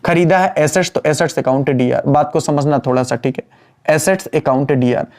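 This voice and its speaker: A male accounts teacher giving an online class lecture, repeating key phrases, quizzing his students, and drawling slowly while he writes entries on the board. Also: fairly high pitch, darkish tone. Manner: addresses students as "beta", chiding but patient.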